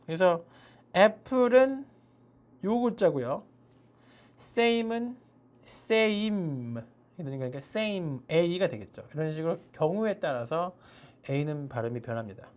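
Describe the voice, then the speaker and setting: Lively woman teaching English pronunciation. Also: on the low side. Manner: lively explaining, demonstrates sounds slowly and repeatedly. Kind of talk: online English pronunciation lesson.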